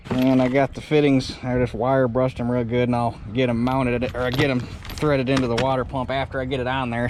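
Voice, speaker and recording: A man's voice: medium pitch, noisy background. A man with a rural American accent talks through a hands-on repair casually, in a folksy, salty-tongued way. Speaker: mechanic presenting his own repair.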